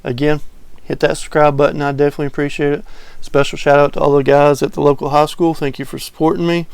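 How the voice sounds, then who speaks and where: A man talking casually to camera as a fragrance reviewer, relaxed and rambling with many fillers. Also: a little high, quick pace, clean tone, no room sound.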